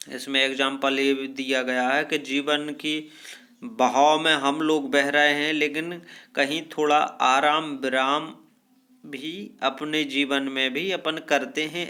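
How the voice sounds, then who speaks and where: A man teaching a grammar lesson, reading from a text and explaining slowly, repeating phrases and checking that students follow. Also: mid-range voice, pushed and bright.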